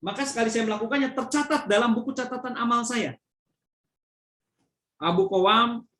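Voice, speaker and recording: An Islamic preacher with a high, slightly bright male voice gives a religious study lecture in an echoey room. He explains using everyday examples, with plenty of fillers.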